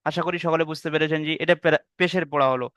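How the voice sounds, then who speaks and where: A man teaching Arabic letter reading in an online video-call class, sounding out each letter slowly and then explaining the rules. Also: fairly high pitch, fairly even intonation, a bit bright, no echo. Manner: slow drawn-out drilling of letter sounds.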